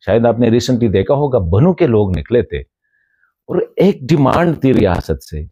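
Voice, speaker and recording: A journalist and commentator from Khyber Pakhtunkhwa in northwest Pakistan addresses a colleague directly in a commentary video, mixing rhetorical questions with respectful reproach. His mid-range voice swings widely in pitch and sounds mellow and slightly rough. The recording is dry and lo-fi.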